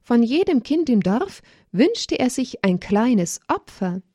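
A woman reading a religious story to children in a gentle storytelling manner. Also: fairly high pitch, big pitch swings, takes it slowly, dry recording, studio quality.

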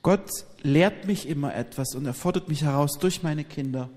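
A man's voice: on the high side, darkish tone. Male interpreter in a reverberant hall. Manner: quick, with hesitant fillers. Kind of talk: consecutive interpreting of a live talk.

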